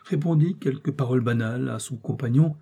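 A man narrating an audiobook in a measured, even reading voice. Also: medium pitch, creaky, slightly rough.

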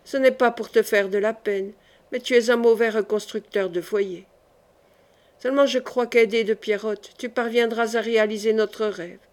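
A woman reading the part of a gentle young man on his deathbed, soft, weary and affectionate. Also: a little high, fairly even intonation, moderate pace, lightly acted. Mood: tender.

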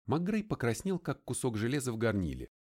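A man reading an audiobook in the first person, his pitch rising and falling with great liveliness as he tells the story. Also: wildly swooping pitch, brisk, darkish tone. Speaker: narrator. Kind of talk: audiobook narration.

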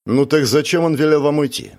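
A man's voice: medium pitch, expressive, fairly quick, darkish tone, lightly acted. A man voicing a cold, stern young woman. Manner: cold, clipped questioning.

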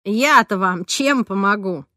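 A woman voicing a blunt, grumbling older cleaning woman in an audiobook, with a slow, drawn-out delivery. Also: medium pitch, pushed and bright, no room sound, studio quality. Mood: dismissive. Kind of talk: audiobook character reading.

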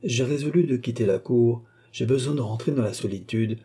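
A man's voice: mid-range voice, a little fast, mellow, slightly rough, natural voice. A man reading aloud voices a proud young noblewoman who speaks coldly and firmly. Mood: resolute. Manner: cold, resolute, bitter.

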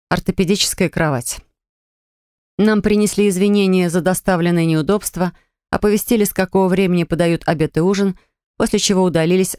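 Lowish-voiced woman narrating fiction. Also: a little mellow, smooth, no room sound, clean studio sound. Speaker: audiobook narrator. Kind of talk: scripted first-person fiction narration.

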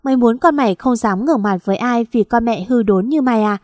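A woman voicing a harsh mother who berates her pregnant daughter with fast, shaming questions. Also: a little high, darkish tone, dry recording, studio quality, lightly acted. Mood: furious.

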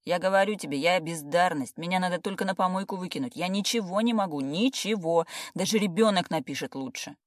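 A woman's voice: low voice, moderate pace, hardly any pauses, no echo, studio quality. A woman voicing a tipsy, self-pitying young woman painter who talks in a sulky, bitter way.

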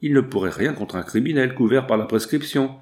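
A man's voice: medium pitch, lively intonation, brisk, darkish tone, natural voice. A man voicing a tense, guarded middle-aged industrialist in an audiobook. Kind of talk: audiobook character reading.

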